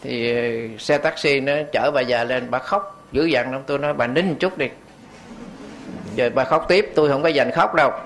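A man's voice: mid-range voice, normal speed, hardly any pauses, a bit bright. A man, a Buddhist monk giving a dharma talk, telling a story and speaking directly to his listeners. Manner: storytelling, quoting others, addressing the audience.

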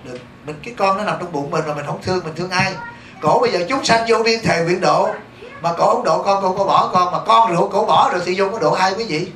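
Fast, high-voiced Southern Vietnamese monk. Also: male voice. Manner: lively, keeps asking the audience rhetorical questions. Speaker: Buddhist monk teacher. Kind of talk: dharma talk to a congregation. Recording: echoey room, distant mic, faint hiss.

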